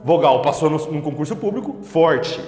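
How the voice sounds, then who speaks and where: Animated, playful male teacher. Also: a little high, normal speed. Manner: playful, theatrical, asks and answers his own questions. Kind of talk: energetic video lesson. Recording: echoey room with faint music.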